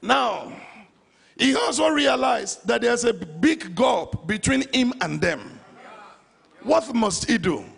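In a large church hall, a middle-aged man with a Nigerian accent preaches passionately to the congregation via a handheld mic, echoing phrases for emphasis. His pitch is extremely high, expressive and slow, with a gravelly, slightly bright, breathy quality. Faint crowd noise comes through the live church PA.

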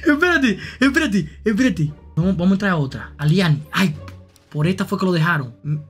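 A young man with a Dominican accent, live-streaming and reacting to chat messages, repeating phrases and jumping into high shouts. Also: breathy edge, faint music behind. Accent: Dominican Spanish. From Dominican Republic. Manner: excitable, jumps to high shouts and back; repeats phrases in quick bursts.

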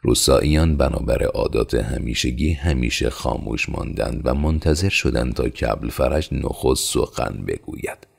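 A man reading a novel aloud as an audiobook narrator, in a steady, measured manner. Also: rumbling low, creaky, breathy edge.

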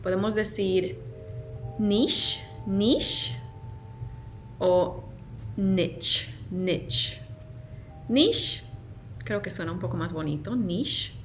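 A woman teaching pronunciation, repeating each word slowly and carefully as a language teacher. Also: lowish voice, faint music behind. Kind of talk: pronunciation lesson.

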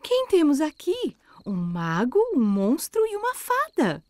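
A woman voicing a gentle, caring young mother in a cartoon. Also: sits high, wildly swooping pitch, a little slow, no room sound, exaggerated voice. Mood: playfully surprised.

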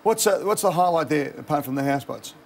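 A man's voice: a little high, lively intonation, fast, vocal fry, crowd noise. A middle-aged Australian man hosting a TV quiz show, chatty and joking with contestants. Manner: jokey, chatty, upbeat. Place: large TV studio with live audience. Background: show music and audience.

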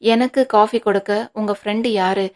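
A woman's voice: medium pitch, steady tone, normal speed, darkish tone, close to an everyday voice. A woman reading the part of an angry, stubborn young wife in a storybook, speaking sharply and indignantly.

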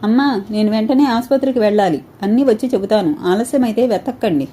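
A woman's voice: on the high side, mellow, slight background noise, natural voice. A woman voicing a caring young woman who is anxious and in a rush. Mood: hurried. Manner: hurried, anxious questioning.

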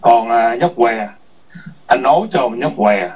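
A man's voice: mid-range voice, animated, a little slow, a little mellow, husky. A man ranting in an online chat room, scolding and cursing with repeated taunting questions. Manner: foul-mouthed, scolding, repetitive taunts. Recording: distant muffled lo-fi mic.

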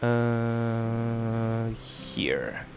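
A male streamer talking casually while he plays, rambling and restarting his sentences as he goes and laughing often. His voice sits in a middle pitch, with faint game music under him. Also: lively intonation, very slow, a little mellow. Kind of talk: casual let's-play chat.

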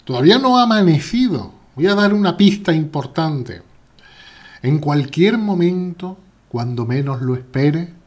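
A man's voice: a little high, animated, a little slow. A man with a Spain Spanish accent, chatting playfully as he plays live chess and answers viewers' chat. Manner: chatty, playful, reads chat aloud while playing. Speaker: chess streamer. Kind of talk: live chess stream commentary.

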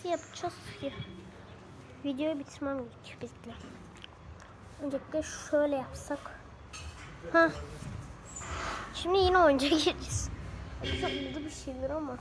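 A woman vlogger playing phone games and talking to her viewers, thinking out loud, exclaiming and getting frustrated. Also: sits high, normal speed, long pauses. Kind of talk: casual gaming chatter to viewers. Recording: noisy background ambience.

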